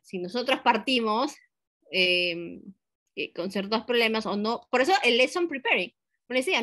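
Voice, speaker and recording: A woman's voice: medium pitch, pushed and bright, no echo. A woman who teaches English, explaining a lesson to fellow teachers step by step, often ending points with tag questions and mixing in English teaching terms. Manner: mixes English teaching terms into her speech. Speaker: English teacher giving a training session.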